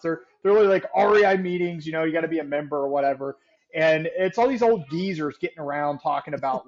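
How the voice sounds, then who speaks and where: A man with a faded Southern accent and a fairly high voice, talking as a podcast guest. He tells stories casually, with lots of fillers and frequent laughs. His audio sounds slightly muffled, like a remote call. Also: a little mellow. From Savannah, Georgia. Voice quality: chatty, laughs often, filler-heavy storytelling. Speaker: podcast guest, real estate investor. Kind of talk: casual interview chat.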